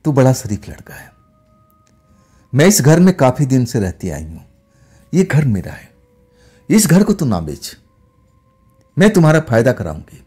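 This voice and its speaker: A pleading young ghost woman with a wavering, lilting voice, as a male storyteller puts her on. Her voice is low and husky, with dark, mellow tones, as she coaxes and bargains. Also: wildly swooping pitch, measured pace, long pauses, faint music behind, exaggerated voice. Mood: coaxing. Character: young female ghost, sweet-faced and pleading.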